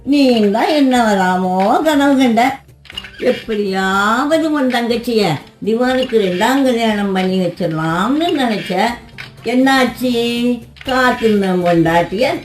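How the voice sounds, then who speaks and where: An actress playing a sharp-tongued, bossy old grandmother who mocks the schemes of the women around her. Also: on the high side, unhurried, faint music behind, lightly acted. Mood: mocking. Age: older. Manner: mocking and bossy. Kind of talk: period film drama acting. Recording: echoey room.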